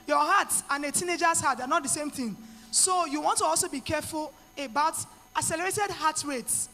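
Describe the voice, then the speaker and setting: Bright-voiced Nigerian woman preaching. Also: high-pitched, fairly quick, in a large hall. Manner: earnest, preachy, mixes in pidgin asides. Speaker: speaker to women. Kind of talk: motivational talk.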